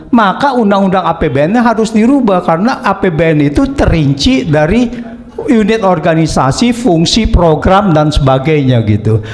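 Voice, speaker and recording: A man with a notably high voice gives political commentary. He explains points carefully, one step at a time, and often pauses on small fillers. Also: darkish tone. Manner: measured explanation with frequent fillers like "eh" and "gitu". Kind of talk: analytical commentary.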